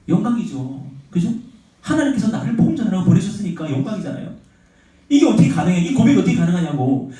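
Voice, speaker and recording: A male youth pastor preaching to teenagers. He acts out conversations with God and keeps asking his listeners questions. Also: sits high. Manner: animated, acts out dialogues with God, asks the audience questions. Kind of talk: sermon to high school students. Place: church sanctuary. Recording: echoey church hall from far off.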